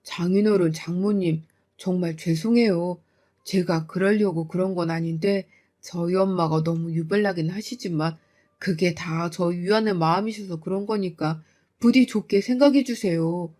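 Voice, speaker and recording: A woman voicing a meek young husband who pleads in a low, soft, apologetic voice. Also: moderate pace, natural voice. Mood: pleading.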